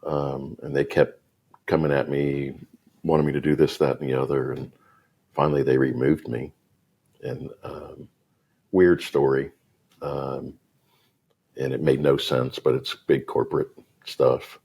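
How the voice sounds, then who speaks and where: A man's voice: a bass voice, unhurried, vocal fry, pauses often, breathy edge. A middle-aged man, a guest entrepreneur, telling his business story in casual conversation and voicing the people in it. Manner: animated, voices the people in his stories.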